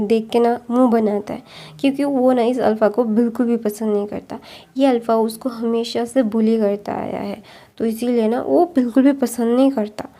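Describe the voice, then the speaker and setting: A woman's voice: on the high side, mellow. A woman casually narrating a long fan story, rambling, with many fillers and restarts.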